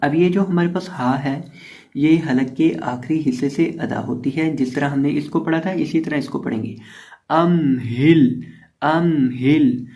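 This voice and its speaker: A man teaching Quran reading, explaining each rule and then reciting the syllables slowly and drawn out. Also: fairly high pitch, warm tone. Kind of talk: step-by-step recitation lesson. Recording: slightly muffled lo-fi recording.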